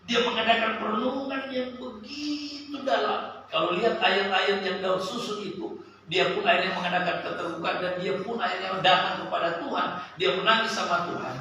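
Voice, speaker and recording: A man preaching a sermon and telling a personal story, with an animated voice that climbs and sinks sharply. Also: high-pitched, fairly quick, slight background noise. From Sulawesi, Indonesia. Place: church service hall. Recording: echoey church hall, from a distance.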